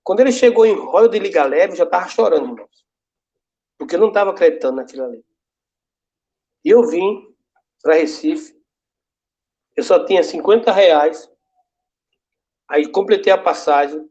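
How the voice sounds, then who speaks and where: High-voiced pastor telling a testimony. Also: male voice, animated, moderate pace, pauses often, dark tone. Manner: storytelling, acting out both sides of dialogues. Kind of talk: testimony preached to a congregation. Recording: dull lo-fi recording.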